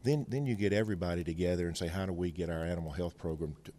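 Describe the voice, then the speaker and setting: The low, dark voice of this middle-aged Mississippi veterinarian races along as he explains things in a folksy, plain-spoken way with a Mississippi Southern accent. He's an interview guest, weaving in anecdotes and analogies.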